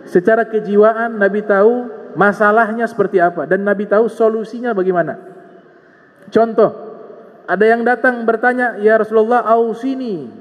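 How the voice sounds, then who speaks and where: A man's voice: high voice, steady tone, normal speed, in a large hall. A man with an Indonesian accent preaching a sermon, retelling old stories with quoted dialogue and repeated phrases for emphasis.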